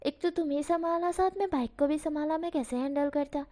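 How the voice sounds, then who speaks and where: A woman's voice: sits high, a little fast, voice pushed up, natural voice. A woman doing a practical young man. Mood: exasperated. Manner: calming, firm.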